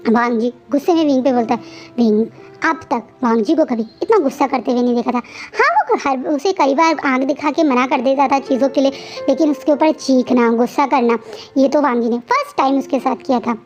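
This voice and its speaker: A woman's voice: sits high, brisk, lo-fi sound, soft background music. A woman casually retelling a fan fiction story, chatty and restarting her sentences often. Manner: chatty, frequent restarts and fillers.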